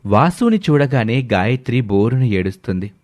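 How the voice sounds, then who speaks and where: A man narrating a scripted story in a steady, matter-of-fact way. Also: medium pitch, normal speed, dry recording.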